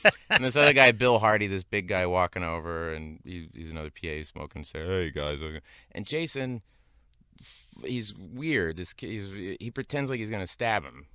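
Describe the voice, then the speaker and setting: A man guesting on a podcast, telling an animated anecdote about his days as a production assistant and often breaking into laughter. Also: low voice, moderate pace, smooth, no echo, clean studio sound. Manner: animated storyteller, bursts into laughter.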